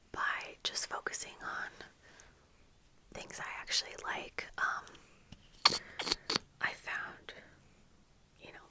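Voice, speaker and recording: Close to a fluffy-covered microphone she monitors on earphones, a young woman who makes ASMR videos does a whispered get-ready-with-me chat. Her breathy whisper stays soft, unhurried and casually rambling, and she's recording in a small home room lined with bookshelves.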